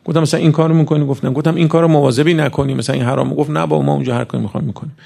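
Gravelly, husky-voiced man preaching. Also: steady tone. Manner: swings between raised, emphatic lines and low, hushed asides. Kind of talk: sermon.

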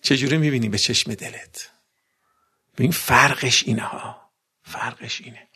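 A man's voice: medium pitch, pushed and bright, slightly rough. A man preaching a sermon to a gathering, mixing recited Arabic verses into plain talk and often putting questions to his listeners.

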